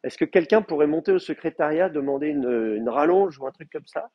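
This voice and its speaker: A man's voice: a little high, lively intonation, fairly quick, no room sound, muffled recording. A man giving a live university classroom lecture, explaining with hesitant, stop-start delivery and frequent restarts. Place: classroom with in-person and remote students.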